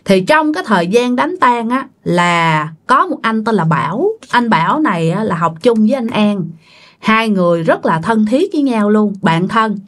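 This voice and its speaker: A woman with a Southern Vietnamese accent tells a ghost story in a chatty, casual way, speaking straight to her listeners. Her mid-range voice is animated and moves at a moderate pace.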